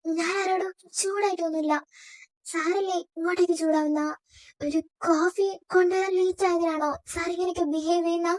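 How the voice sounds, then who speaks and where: A woman's voice: very high-pitched, steady tone, a little fast. A woman voicing a timid young female personal assistant who pleads and defends herself. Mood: defensive.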